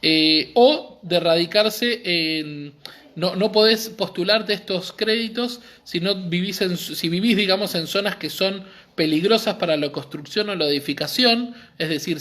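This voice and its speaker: A man's voice: high-pitched, a little slow, fairly bright tone. A man with an Argentine accent giving an earnest, explanatory live-streamed talk, often checking in with his listeners. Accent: Argentine Spanish. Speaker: community library speaker.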